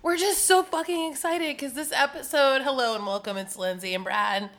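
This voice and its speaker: Bright, excitable woman podcast host. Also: high voice, normal speed. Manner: excitable, playful, swears freely. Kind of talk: casual podcast chat.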